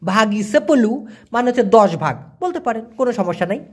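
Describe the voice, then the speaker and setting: A man's voice: high-pitched, animated, brisk, husky. A man teaching a casual language lesson, repeating and spelling out words for learners.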